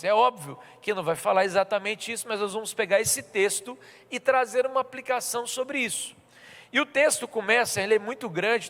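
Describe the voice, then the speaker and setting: A man's voice: high voice, a bit bright. A man with a Brazilian Portuguese accent from Minas Gerais, preaching a sermon and telling a personal story, acting out the people in it. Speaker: pastor. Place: church. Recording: reverberant church hall.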